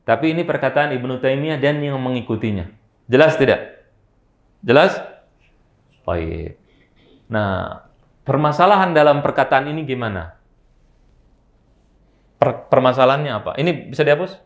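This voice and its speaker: A man's voice: mid-range voice, animated, moderate pace, pauses often, echoey room. A man giving a religious study lecture, often asking his listeners questions and answering them himself. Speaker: Islamic teacher. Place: mosque office study hall.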